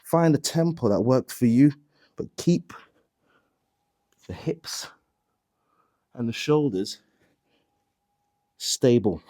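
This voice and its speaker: Slow, dark-voiced male Pilates instructor. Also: mid-range voice. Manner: calm cueing with breath counts. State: out of breath. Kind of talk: guided workout instruction.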